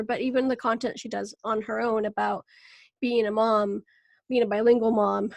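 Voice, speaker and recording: A woman's voice: fairly high pitch, no room sound. Bubbly woman podcast host, dry sound. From Venezuela. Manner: bubbly, laughs often. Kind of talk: casual interview chat.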